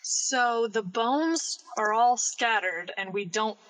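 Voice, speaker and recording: Bright-toned deliberate player. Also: mid-range voice, poor audio. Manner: deliberate, careful planning. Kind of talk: casual tabletop play.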